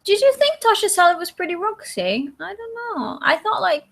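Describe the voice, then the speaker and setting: A young woman chatting casually as a co-host, blunt and quick to swear. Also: extremely high pitch, big pitch swings, creaky, fairly bright tone. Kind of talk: casual chat.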